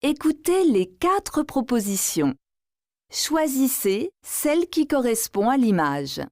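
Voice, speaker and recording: A woman reading exam instructions in a slow, clearly articulated scripted style. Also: high-pitched, big pitch swings, a little mellow, dry recording, studio quality.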